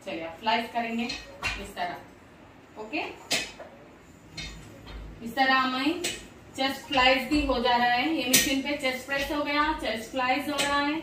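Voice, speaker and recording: High-voiced woman in an echoey home gym. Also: measured pace, long pauses, far from the mic, background noise. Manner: chatty, addresses viewers directly, upbeat. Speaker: fitness vlogger. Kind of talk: casual workout demonstration. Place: small home gym room, indoors. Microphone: camera at a distance. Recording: very echoey room, voice from afar.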